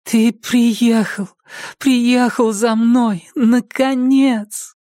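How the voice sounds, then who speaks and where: A man voicing a monstrous, treacherous old witch with a high, shrill, strained voice in a dry recording. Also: fairly even intonation, extremely slow, warm tone, no room sound, heavily acted. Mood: pleading. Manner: hissing, then shrieking upward.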